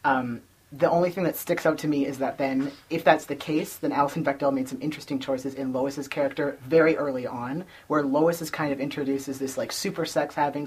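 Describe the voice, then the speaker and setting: Husky low-voiced woman in a casual chat. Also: a little mellow. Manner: chatty, says "like" and "kind of" a lot. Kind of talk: casual book discussion.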